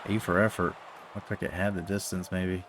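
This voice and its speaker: A man's voice: low-pitched, little pitch movement, moderate pace, a bit bright, slight background noise. A man casually commenting while playing a football video game, rambling and swearing between mock play-by-play calls. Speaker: gaming streamer.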